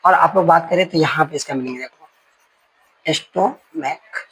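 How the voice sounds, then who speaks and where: Husky-voiced man teaching grammar. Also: fairly high pitch, fast talker, a bit bright, poor audio. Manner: explains with folksy analogies and asides, checking in often. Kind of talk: classroom grammar lesson.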